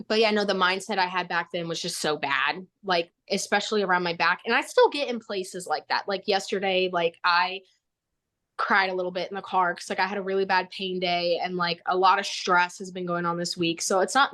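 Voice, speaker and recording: A woman's voice: lowish voice, fairly bright tone. A young woman in her twenties talks openly as an interview guest. She rambles and keeps reaching for filler words. She makes light of herself in a casual, unpolished way. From United States. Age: 20s. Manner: rambling, filler-heavy, self-mocking. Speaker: guest, Paralympic swimmer. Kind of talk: candid casual interview talk.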